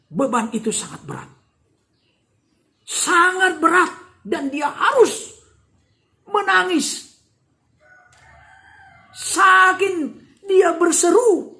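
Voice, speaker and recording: Woman preacher, high voice, slow deliberate delivery, dramatic storytelling sermon. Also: sharp tone. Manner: dramatic storytelling, addressing the congregation as brothers and sisters.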